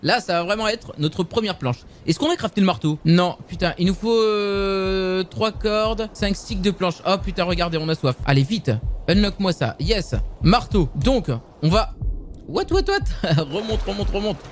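Young guy yapping over a survival game, high voice, gets hyped and swears a lot, faint game sounds behind. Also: moderate pace, few pauses, a little hiss or hum. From France. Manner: excitable, swears often, chatty with viewers. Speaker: gaming youtuber. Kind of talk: casual gameplay commentary.

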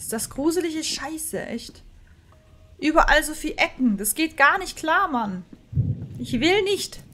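A woman's voice: sits high, animated, measured pace, sharp tone. A woman streamer giving live commentary on a horror game, jittery and talking to her chat, with frightened outbursts. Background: faint game music.

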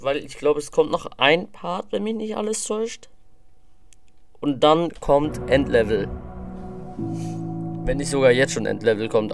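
A man giving casual, enthusiastic, rambling reaction commentary on music into a desk microphone. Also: on the high side. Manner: enthusiastic, slangy, rambling with fillers.

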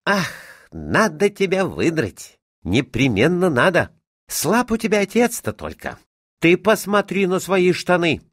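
A fussy, scolding middle-aged lady at her dacha, as a man reads her. Her voice climbs high and leaps about as she exclaims and nags. The audiobook sounds dry and close. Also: sing-song, unhurried, fairly bright tone, dry recording, heavily acted. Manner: shrill, exclaiming.

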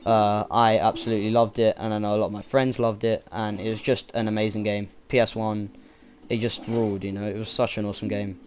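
A man's voice: fairly low pitch, little pitch movement, a little fast, a little mellow. A young man giving casual, rambling gameplay commentary, enthusiastic and swearing freely. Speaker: let's play gamer.

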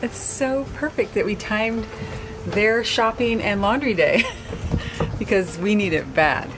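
A woman's voice: medium pitch, takes it slowly, noisy background. A middle-aged woman hosts a sailing vlog, talking in an upbeat, chatty way. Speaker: vlog host. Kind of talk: casual vlog chat. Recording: loud music behind.

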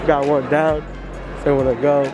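An excited, starstruck man chatting casually in slang as a fan at a convention. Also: a little high, normal speed. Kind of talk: casual chat. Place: large indoor convention hall. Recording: loud crowded hall, music and chatter. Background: loud crowd and music.

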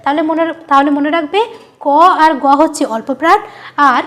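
A woman teaching a grammar lesson, speaking patiently and asking quick questions to the student before answering them herself. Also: high voice, fairly even intonation, fairly bright tone. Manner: patient, explains by repeating and quizzing the listener.

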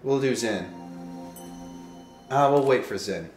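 A nasal man hosts a casual gameplay session, joking and swearing as he goes. His voice swings widely in pitch. The room is echoey and game music plays clearly behind him. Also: slow pace. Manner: excitable, swears, joking banter. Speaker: gameplay video host. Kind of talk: casual chat while playing.

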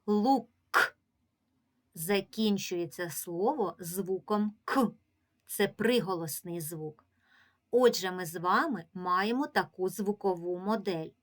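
A woman teaching a phonics lesson to small children, sounding out syllables and stretching vowels slowly. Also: lowish voice. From Ukraine. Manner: stretches syllables and sounds out, calls words aloud. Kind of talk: slow, deliberate phonics lesson for young children.

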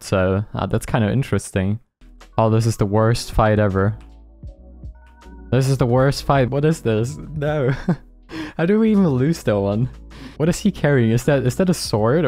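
A man's voice: mid-range voice, a little mellow. A man giving casual gameplay commentary as a gaming YouTuber, often laughing, apologizing and joking at his own expense. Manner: laughing, apologetic, self-mocking.

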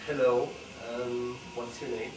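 A man reads survey items as questions in a measured voice. He sounds far from the microphone in an echoey room. Noise hums under him. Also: mid-range voice, little pitch movement. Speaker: study participant interviewer. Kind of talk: reading a questionnaire. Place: VR cave room. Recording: echoey room, heard from afar, noisy.

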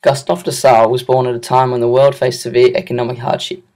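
A man's voice: medium pitch, flat delivery, quick pace, darkish tone. A young man narrating a school history project in an earnest, scripted reading. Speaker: student narrator.

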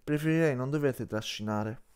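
A man's voice: medium pitch, fairly quick, a little mellow, clear, resonant tone, natural voice. A man growling as a stern big she-wolf. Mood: weary. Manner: growling, commanding.

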